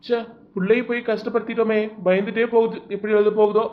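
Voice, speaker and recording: A woman voicing a kind, reassuring father in a cartoon, gentle with his daughter. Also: a little high, flat delivery, fast, lightly acted. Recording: dull lo-fi recording.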